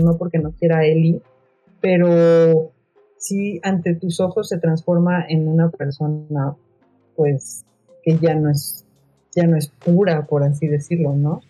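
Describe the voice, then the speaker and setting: Mexican girl chatting games, sweary n opinionated, kinda husky, faint music behind. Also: low-pitched, warm tone, highs cut off. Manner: slangy, profane, opinionated. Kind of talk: casual chat about a video game.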